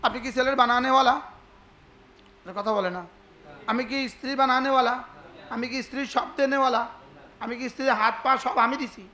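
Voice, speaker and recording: A man's voice: extremely high pitch, steady tone, a little fast, pauses often, sharp tone. A man preaching a sermon, asking the crowd rhetorical questions and acting out dialogues. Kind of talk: Islamic sermon (waz).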